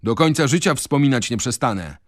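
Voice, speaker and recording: A man's voice: mid-range voice, expressive, fairly quick, no echo, clean studio sound, natural voice. Man voicing an old official who preaches the rod. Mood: moralizing. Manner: garrulous, moralizing, folksy. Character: old male official, gruff believer in beatings. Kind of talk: radio reading of a novel.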